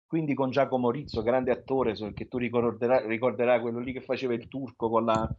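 A man's voice: medium pitch, steady tone, brisk, muffled recording. A man in his forties with a Neapolitan accent, chatting colloquially and telling rambling stories as a radio guest on a remote line. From Naples, Italy. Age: 40s. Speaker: singer-songwriter, radio guest. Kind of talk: casual radio interview. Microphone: remote line into radio show.

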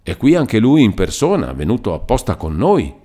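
A man reading aloud, voicing a timid older village priest who coaxes in hurried reassurance. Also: fairly low pitch, wildly swooping pitch, mellow, pitched above the performer's own voice. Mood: coaxing.

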